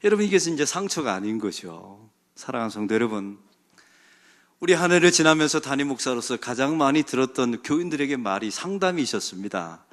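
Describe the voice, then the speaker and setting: A middle-aged man, a senior pastor, preaching a sermon in a church sanctuary with emphatic swings from loud calls to hushed asides. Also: medium pitch, sing-song, brisk.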